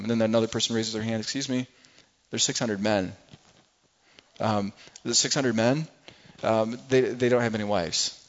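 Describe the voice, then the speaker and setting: A man's voice: mid-range voice, lo-fi sound. Man preaching, dramatic storytelling. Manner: dramatic retelling, voicing the crowd in quotes, many repeated words. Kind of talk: sermon retelling a scripture story.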